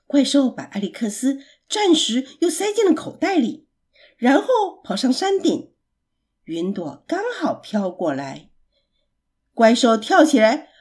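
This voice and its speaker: A woman reading a children's story aloud in a gentle, expressive, unhurried way. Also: high voice, breathy edge.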